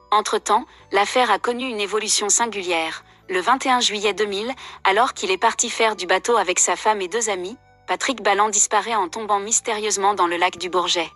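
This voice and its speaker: A woman delivering scripted true crime narration in a measured, journalistic storytelling manner. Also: mid-range voice, fairly bright tone.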